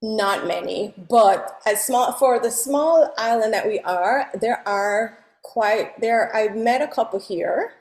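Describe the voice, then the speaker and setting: A woman born in Jamaica, chatting as a guest in an interview, laughing often and animated. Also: a little high, takes it slowly, few pauses, roomy sound, low-quality recording. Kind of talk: casual interview chat.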